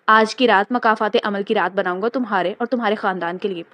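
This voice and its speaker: A woman's voice: mid-range voice, a bit bright, natural voice. A woman voicing a cruel, vengeful man of about thirty who speaks with cold contempt. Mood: menacing.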